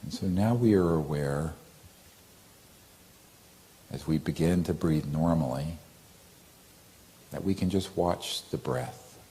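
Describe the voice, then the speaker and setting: A man leading a guided meditation, speaking softly and gently with long pauses and chanting a mantra in a drawn-out tone. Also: rumbling low.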